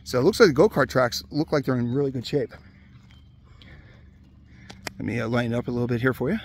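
A man from the Hershey area of Pennsylvania walking through a closed amusement park outdoors, giving relaxed, casual commentary with many "uh"s into a handheld camera. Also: medium pitch, brisk, slight background noise. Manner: relaxed, chatty, many "uh" fillers. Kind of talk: casual walk-around commentary.

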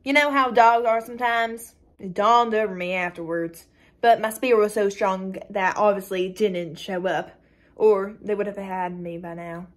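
A woman's voice: mid-range voice, moderate pace, close to an everyday voice. A woman voicing a callous young female cult member who brags coldly about violence, reading a dramatic script. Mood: boastful. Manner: boastful, coldly matter-of-fact with bursts of excitement.

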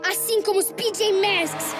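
A Brazilian woman voicing a gloating, vain boy mad scientist in a cartoon, with an unhinged, theatrical villain delivery. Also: very high voice. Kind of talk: animated cartoon acting. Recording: loud cartoon score behind voice.

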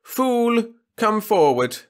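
A man voicing a haughty male alien emperor who speaks in a slow, commanding manner. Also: a little high, expressive, a bit bright, pitched above the performer's own voice. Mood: imperious. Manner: haughty, commanding, drawn-out delivery.

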